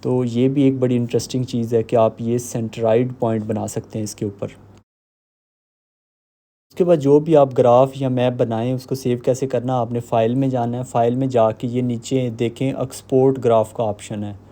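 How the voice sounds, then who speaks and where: A man giving a screen-recorded software walkthrough, explaining step by step with filler pauses. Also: mid-range voice, fairly even intonation. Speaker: software tutorial host.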